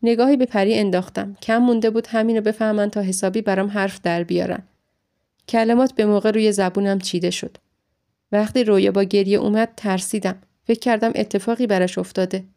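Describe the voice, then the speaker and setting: A woman reading a first-person story aloud in a steady, emotional storytelling manner. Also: medium pitch. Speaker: audiobook narrator.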